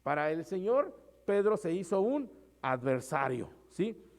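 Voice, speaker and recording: A man's voice: high voice, sing-song, measured pace. A male pastor, preaching a sermon in a conversational way and often addressing the congregation as brothers.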